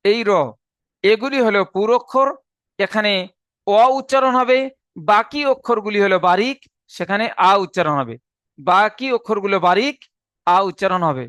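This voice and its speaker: A man's voice: high voice, moderate pace, pauses often, a bit bright, no room sound. A man teaching an online Quran reading class, patient, repeating each letter and point twice.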